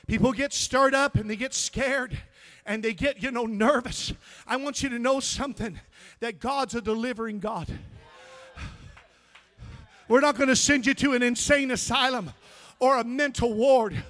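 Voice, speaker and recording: High, bright-voiced shouting preacher man. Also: measured pace, long pauses. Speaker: pastor. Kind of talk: sermon.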